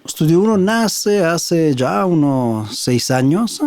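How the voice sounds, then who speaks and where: A man in his fifties with an Italian accent, a native Italian speaker, answering interview questions in a thoughtful, halting way with many fillers, recorded in a recording studio. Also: a little high, very animated, a little mellow, dry recording. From Italy. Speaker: sound engineer and studio founder, guest.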